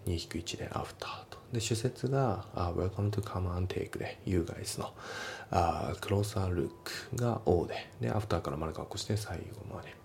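Deep gravelly guy going over english test lines, dark mellow voice, faint hiss behind. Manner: methodical, reads English lines slowly then explains in quick Japanese. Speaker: English teacher. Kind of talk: explaining English test sentences.

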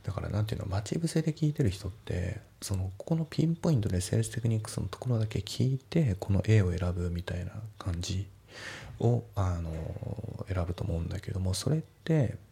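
A man's voice: low-pitched, lively intonation, brisk, vocal fry, dark tone, husky. A man teaching English grammar and pronunciation, often trailing off to a near whisper at the ends of sentences.

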